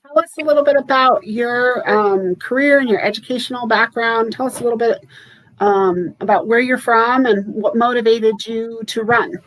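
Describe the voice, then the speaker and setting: Speaking at normal speed with a fairly high pitch, a woman in her forties runs a live political roundtable over a video call from her home, shelves in the background. The webcam recording is dry and low in quality, and her chatter is upbeat and full of fillers.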